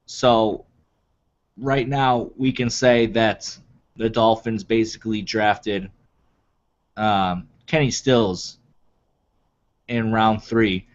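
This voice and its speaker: A man co-hosting a sports draft show talks in a casual, chatty way as he runs down the picks. His voice sits at an ordinary pitch. The recording is dull and a little lo-fi. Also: fairly even intonation, very slow, pauses often. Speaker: co-host of draft podcast.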